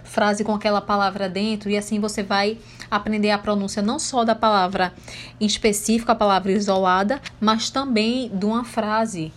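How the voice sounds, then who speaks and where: A woman's voice: medium pitch, fairly even intonation, normal speed. A woman with a Brazilian Portuguese accent, an English teacher giving a podcast lesson in a chatty way, posing questions to her listeners and answering them herself.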